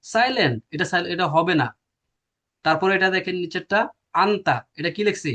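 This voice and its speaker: Male teacher, a bit high-pitched, quizzes the class and answers himself. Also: fairly quick, sharp tone. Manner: explains step by step, asks and answers his own questions. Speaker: language teacher. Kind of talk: classroom lecture.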